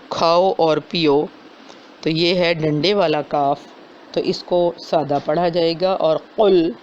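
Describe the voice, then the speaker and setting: A man giving a lesson on correct recitation, stopping to sound out words slowly as examples. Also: on the high side, darkish tone. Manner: slows down to demonstrate correct pronunciation. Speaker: Quran recitation teacher. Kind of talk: explanatory lesson with demonstrated recitation. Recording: dull lo-fi recording with faint noise.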